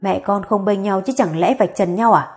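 A woman's voice: medium pitch, moderate pace, natural voice. A woman voicing a stern, commanding elderly grandfather in a spoken story.

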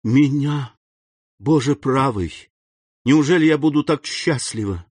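A man's voice: mid-range voice, slow, a little mellow, breathy edge, no room sound. A man reading aloud and voicing an eager, exclaiming young woman. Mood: joyful. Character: young woman in love, excited.

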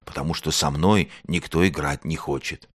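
A man voicing a shy, gentle little bear cub in a storybook, gruff and a little sad. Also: very deep voice, steady tone, normal speed, no room sound, clean studio sound. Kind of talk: storybook reading.

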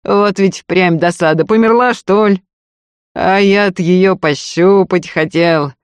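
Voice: medium pitch, slow pace, clear, resonant tone, dry recording, voice pushed up, natural voice. A reader voicing a gloomy, brutal male brigand who talks in a coarse, sneering way.

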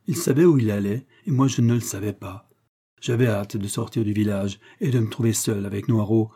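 A man reading a classic short story aloud as narrator, measured and expressive. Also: medium pitch, slightly rough. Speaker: audiobook narrator.

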